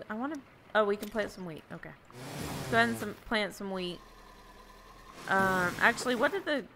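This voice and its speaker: A young woman with a creaky, mid-range voice streams a farming game over a headset from a room at home. She chats casually about the gameplay, giggling as she thinks aloud, with background noise audible.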